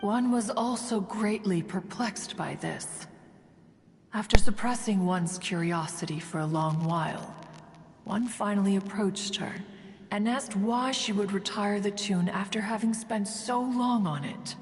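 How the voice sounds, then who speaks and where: A woman performs a proud and distant immortal in a video game, recounting tales in stately, archaic speech and referring to herself as "one." Her mid-range voice is a little slow and mellow, lightly acted, with a wistful, solemn feel. She sounds as if she's in a large hall, with soft music in the background.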